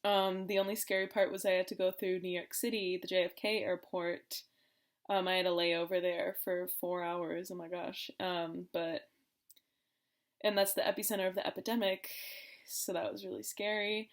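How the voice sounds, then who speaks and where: A woman's voice: fairly low pitch, level tone, moderate pace. Chatty young American vlogger woman. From United States. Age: young adult. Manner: chatty, informal. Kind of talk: casual vlog update to viewers.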